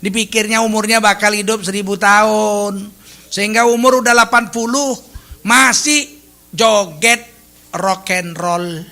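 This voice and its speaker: Bright, high-voiced animated male preacher. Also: measured pace. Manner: animated, humorous, acts out little quoted voices. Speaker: Islamic preacher. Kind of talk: sermon.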